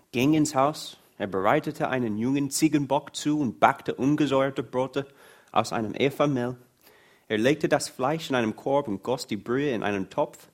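Slow, earnest male preacher. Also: medium pitch. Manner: slow, earnest preaching, reading Bible passages aloud. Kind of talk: sermon.

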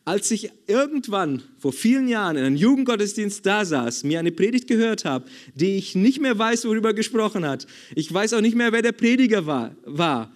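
Man, high voice, church sermon, emphatic preacher, repeats key points. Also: very animated, moderate pace, few pauses. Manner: emphatic, repetitive, calls for amens. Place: church service.

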